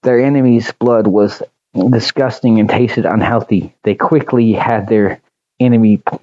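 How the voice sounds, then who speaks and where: A man narrating a storybook audiobook in a measured, slightly halting reading. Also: on the low side, steady tone, muffled recording.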